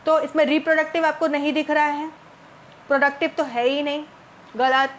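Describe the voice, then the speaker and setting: A woman's voice: sits high, level tone, a little hiss or hum. A woman teacher, explaining multiple-choice exam questions and asking her students rhetorical questions as she goes. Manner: reads English options slowly, then explains in Hindi with rhetorical questions. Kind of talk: exam-prep lesson walking through multiple-choice questions.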